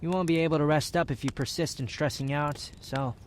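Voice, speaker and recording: A man's voice: fairly high pitch, steady tone, fairly quick, a little hiss or hum, close to an everyday voice. A man playing an aloof, prickly young wanderer in a romantic roleplay ASMR, speaking in dry, formal phrases with reluctant tenderness. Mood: soft, teasing.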